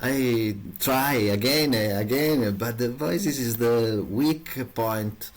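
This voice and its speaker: A man co-hosting a podcast in casual chat, halting and searching for his words. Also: medium pitch. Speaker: podcast co-host.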